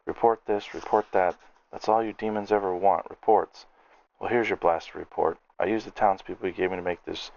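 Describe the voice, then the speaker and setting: A man's voice: low-pitched, steady tone, quick pace, creaky, hardly any pauses, muffled recording. A man voicing a cranky male gnome alchemist who rants and snaps in furious tirades. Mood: furious ranting.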